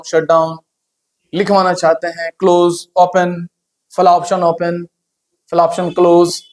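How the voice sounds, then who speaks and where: Male teacher, high voice, chatty classroom lecture full of questions to students. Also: darkish tone. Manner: conversational, asks the class questions. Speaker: computer hardware teacher.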